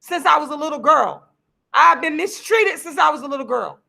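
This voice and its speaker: A woman in her forties, a vlogger and activist, delivers an impassioned rant straight to the camera while sitting at home signing books. Her high voice is hoarse, gravelly and fried, bright and sharp, moving at a fairly quick, animated clip. She preaches, circles back to the same points over and over, and now and then rises to a shout.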